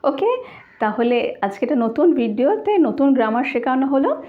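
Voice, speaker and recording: A woman teaching Japanese grammar in a casual online lesson, explaining slowly and repeating each example phrase. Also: high-pitched, sing-song. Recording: tinny, phone-like audio.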